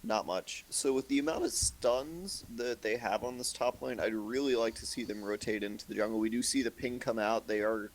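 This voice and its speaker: A man giving measured, analytical co-commentary on a live video game match. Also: on the low side, rough recording. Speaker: esports co-commentator.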